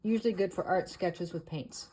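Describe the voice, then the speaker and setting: A woman with a Canadian accent giving a casual art tutorial voice-over, talking in short, halting phrases with fillers. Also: on the low side, dark tone. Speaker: artist teaching beginners.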